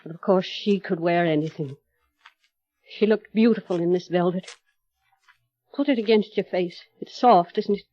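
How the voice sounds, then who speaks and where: Here the actress's natural voice sits on the low side with a dark tone and no echo. She plays the obsessive housekeeper devoted to her dead mistress in a 1930s radio drama, slow, deliberate and coldly insinuating. Music plays under the muffled old radio recording.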